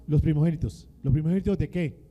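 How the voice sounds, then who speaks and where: A man's voice: on the high side, quick pace, dark tone, soft background music. A male pastor preaching a sermon in a dramatic style, calling on the congregation to repeat his words back to him. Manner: dramatic call-and-response preaching.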